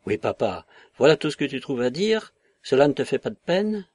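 A man playing a booming, reproachful middle-aged father in an audiobook reading, with a husky voice. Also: very animated, normal speed, a little mellow, dry recording.

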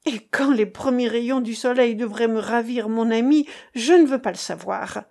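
A woman's voice: fairly high pitch, moderate pace, gravelly, warm tone. A woman voicing a passionate, defiant young woman in love, reading an audiobook in an impassioned, pleading way. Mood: rapturous.

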